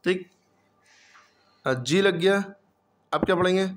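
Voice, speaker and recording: A man's voice: sits high, takes it slowly, slight background noise. A man teaching English reading in a patient classroom lesson, drilling students with repeated questions.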